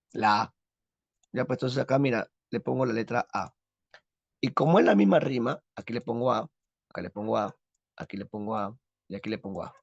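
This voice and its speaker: A man's voice: medium pitch, creaky, slightly rough, dry recording. A man teaching a literature class, who drills the students with questions and answers them himself. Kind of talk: recorded class lesson. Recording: dull lo-fi, dry.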